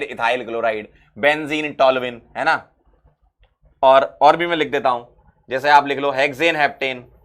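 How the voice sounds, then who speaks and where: Bright, lively chemistry teacher. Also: male voice, fairly high pitch, smooth. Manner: lively, repeats key phrases, asks and answers his own questions. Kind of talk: exam-prep chemistry lesson.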